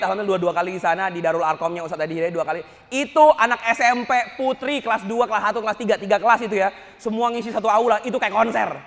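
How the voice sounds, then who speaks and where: A male Islamic preacher giving a humorous lecture, joking and telling stories with animated energy. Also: high-pitched, long reverb tail, slight background noise.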